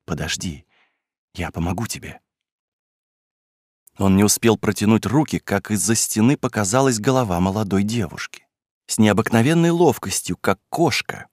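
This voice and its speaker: Low-voiced man reading a novel. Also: no room sound, studio quality. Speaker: narrator. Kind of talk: audiobook narration.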